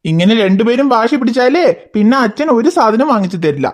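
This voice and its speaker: A woman voicing a patient father in a cartoon, coaxing and explaining gently but firmly. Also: on the high side, sing-song, a little fast. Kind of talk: cartoon voice acting.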